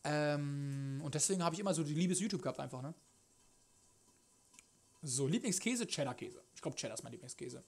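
A man's voice: a little high, lively intonation, fairly quick, long pauses. Young man streaming, slangy and jokey. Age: young adult. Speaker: live streamer, cooking show host. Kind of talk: casual livestream chat while cooking, answering chat. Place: home kitchen, indoors. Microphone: headset.

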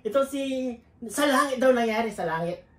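A woman's voice: sits high, expressive, normal speed. A woman preacher giving a sermon, telling a joking story to her congregation in a chatty, storytelling way. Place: church. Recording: roomy echo.

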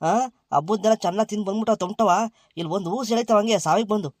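A man's voice: sits high, fast talker, no room sound, studio quality. A man voicing an older village man in a cartoon, soothing and plain-spoken. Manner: soothing, plain rural talk. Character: elderly village man, consoling mourners.

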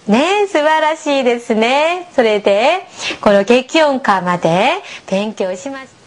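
Woman, language teacher, high lively voice, patient, encouraging, slow clear model pronunciation. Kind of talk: beginner language lesson for learners.

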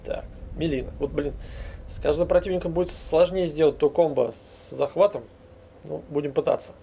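A man's voice: a little high, fairly even intonation, moderate pace, gravelly, warm tone. A young man giving informal, slangy gameplay commentary, muttering to himself over game sounds. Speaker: gamer commentating own play. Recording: faint noise, game sound behind. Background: fighting game sounds.

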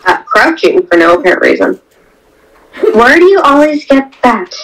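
A woman with a slightly high voice co-hosting a casual gaming video. She teases her partner and fires off quick protests as the game goes on. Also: sing-song, a bit bright, rough recording. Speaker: gaming co-host.

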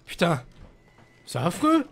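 A young man giving excitable let's play commentary, swearing a lot and shouting at enemies. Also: high voice, slow, gravelly, a little hiss or hum. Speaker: gaming channel host.

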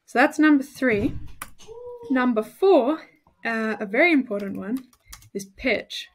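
Speaking on the high side, a female tutor from Australia delivers an explanatory lesson on study tips. She is clear and methodical and uses vocal emphasis.

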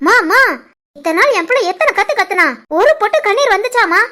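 A woman voicing a stubborn, teasing young wife and new mother in an animated family comedy, with a Tirunelveli Tamil accent. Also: a little fast, exaggerated voice. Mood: complaining. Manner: high cartoon voice, playful and insistent.

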